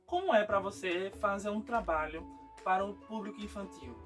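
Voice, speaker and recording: Female children's show host, mid-pitched, presenting interviews over light background music. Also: brisk, recorded from a distance.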